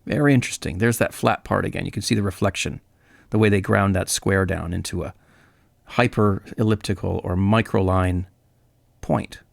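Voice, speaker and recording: A man's voice: sits low, fairly even intonation, moderate pace, gravelly, dry recording. A man hosting a vinyl video, explaining in a chatty, upbeat way with frequent fillers and self-corrections. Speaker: vinyl channel host. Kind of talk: casual how-to explanation.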